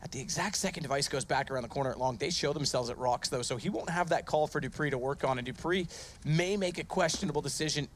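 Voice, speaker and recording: A man's voice: on the high side, fast, slight background noise. A man working as an esports caster, giving descriptive play-by-play that follows the action of a match. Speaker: esports commentator.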